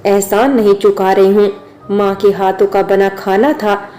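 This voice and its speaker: A woman voicing a kind but easily offended young maid, in an earnest, flat reading. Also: medium pitch, unhurried, faint music behind, natural voice.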